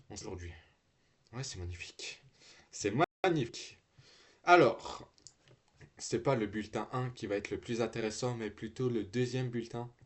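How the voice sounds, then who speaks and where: A teenage boy live-streaming from home, chatting loosely with slang and swearing, full of restarts and trailing fillers. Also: on the low side. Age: teens. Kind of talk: casual live-stream chat.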